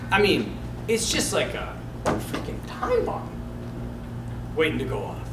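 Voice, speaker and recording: A man, a priest, giving an informal, sermon-like talk on parenting in a rambling, storytelling way, acting out the voices he quotes. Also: sits high. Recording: echoey hall, distant mic, background noise.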